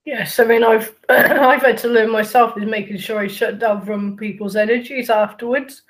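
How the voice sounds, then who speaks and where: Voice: mid-range voice, fairly even intonation, normal speed. A podcast host leads a casual interview, asking follow-up questions. The host often cuts off mid-phrase and starts again, sounding a little tongue-tied.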